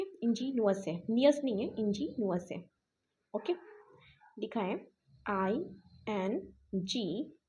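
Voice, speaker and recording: A woman's voice: on the high side, dark tone, lo-fi sound. A woman teaching a shorthand class, spelling words out letter by letter and checking in often with her students. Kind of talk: online class explanation.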